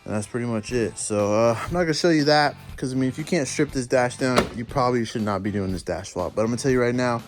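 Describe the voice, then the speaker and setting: A man's voice: medium pitch, fast, hardly any pauses. A man giving a casual, slangy how-to walkthrough while working on a truck, talking to his viewers like buddies. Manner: laid-back and slangy, calls viewers "boys". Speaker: DIY truck repair vlogger. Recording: clear guitar music under voice.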